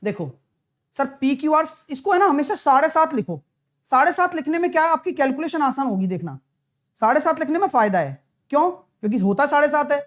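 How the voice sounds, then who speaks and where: A male math teacher talking a live online exam-prep class through problems, brisk and coaxing, calling viewers brother and dear. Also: extremely high pitch, very animated. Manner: brisk, coaxing, chatty, mixes English terms, calls viewers brother and dear.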